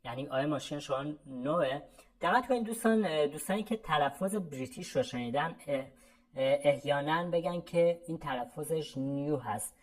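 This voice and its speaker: A woman leads an English lesson. She explains quickly and speaks to her viewers directly, then slows right down to say each model sentence clearly. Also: deep voice, animated, a little mellow, rough recording. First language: Persian. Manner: slow, drawn-out model sentences between brisk explanations. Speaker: English teacher. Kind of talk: online language lesson.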